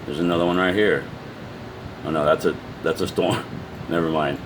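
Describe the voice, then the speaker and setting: A man giving a casual, unscripted explanation to viewers, halting as he goes, often repeating words and trailing off. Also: deep voice, steady tone, background noise. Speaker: amateur video presenter.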